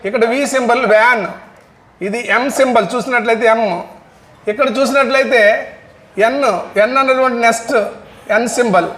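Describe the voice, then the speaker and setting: Male teacher with a very high voice, patient and methodical, drills each sound over and over. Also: steady tone, brisk, fairly bright tone, echoey room. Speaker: English teacher. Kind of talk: phonetics lesson.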